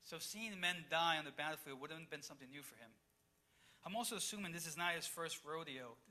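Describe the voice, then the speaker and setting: Pastor, male, from Chile, sermon delivery that shifts between loud and hushed, bright tone. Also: fairly high pitch, animated, a little fast. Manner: reads scripture aloud then explains it, swings between loud and hushed.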